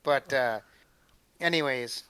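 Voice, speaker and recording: Halting man with a smooth voice. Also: medium pitch, pushed and bright, no echo. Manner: halting, rambling. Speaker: co-host. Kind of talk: casual chat.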